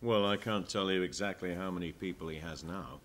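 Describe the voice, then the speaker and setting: A man's voice: low-pitched, fairly quick, a bit bright. A man with an electronically disguised voice, giving matter-of-fact interview answers as an informant.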